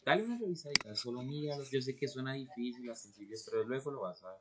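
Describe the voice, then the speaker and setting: A man's voice: mid-range voice, lively intonation, racing, a bit bright. A man teaching an English pronunciation lesson, patient and reassuring, repeating words as models. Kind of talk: tutoring lesson mixing Spanish and English.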